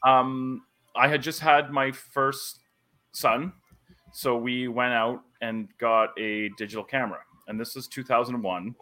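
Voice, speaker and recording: A man's voice: medium pitch, measured pace. A man in his forties, a wrestling commentator, telling stories animatedly in a casual podcast chat. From Canada. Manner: animated storyteller, laughs often.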